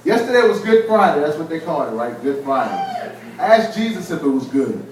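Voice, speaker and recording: A man in his forties from Kentucky works through a stand-up set, his voice pitched high for a man and his delivery wry and built around punchlines. The sound is heavily echoey and comes from a distance, with clear noise from the club behind him. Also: big pitch swings. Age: 40s. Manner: wry, punchline-driven delivery with quick acted asides. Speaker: stand-up comedian. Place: comedy club stage.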